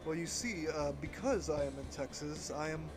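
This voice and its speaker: A man recording his casual gameplay commentary from under a blanket at home, rambling and halting with many fillers. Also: on the high side, over music. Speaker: let's play gamer.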